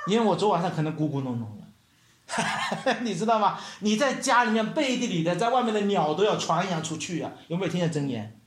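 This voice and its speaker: A man preaching a sermon as pastor, animated, firing rhetorical questions at the congregation and mimicking murmuring sounds. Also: high-pitched, echoey room, slight background noise.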